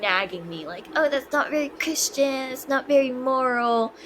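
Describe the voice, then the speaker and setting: A woman's voice: high voice, moderate pace, noisy background. A woman in her twenties, a podcast guest, talking hesitantly with many fillers and restarts. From China. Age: 20s. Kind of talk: casual interview conversation.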